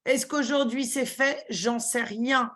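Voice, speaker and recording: A woman with a slightly high voice gives a webinar talk over a video call. She halts often, with many fillers and restarts. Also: fairly even intonation, slow pace, fairly bright tone. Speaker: guest speaker.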